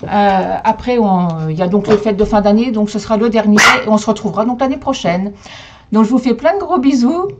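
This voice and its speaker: The sound is lo-fi and very noisy as a woman of medium pitch speaks fairly quickly. She's hosting a live home crafting stream, casually chatting to viewers, answering their comments, and talking to her dog as she works.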